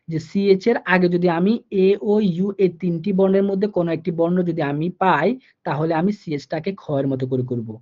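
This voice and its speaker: A man's voice: fairly high pitch, warm tone. A man with a Bangladeshi Bengali accent teaching German pronunciation, patiently repeating each rule and checking that his students follow. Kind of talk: online language lesson. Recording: dull, muffled lo-fi recording.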